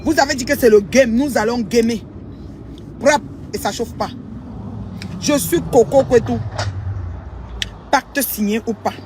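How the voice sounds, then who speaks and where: A woman's voice: on the high side, a little slow, long pauses. A woman records a casual vlog monologue outdoors as a social media commentator. She talks emphatically and repeats her points over and over, calling her listeners "maman." Faint traffic noise sits in the background. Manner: emphatic, repetitive, keeps addressing listeners as "maman".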